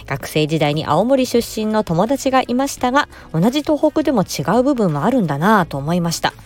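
A woman hosts a relaxed podcast and reads listener comments aloud in a soft, courteous voice at a middle pitch. She often pauses on small filler words and sounds tired after a day's work. Faint music plays behind her. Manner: gentle, polite, with frequent filler pauses. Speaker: podcast host.

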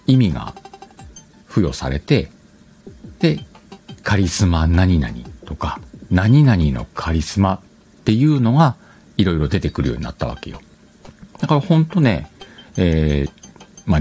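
A man hosts a casual advice podcast, explaining things conversationally and questioning his own phrasing as he thinks out loud. His voice is deep and a little mellow.

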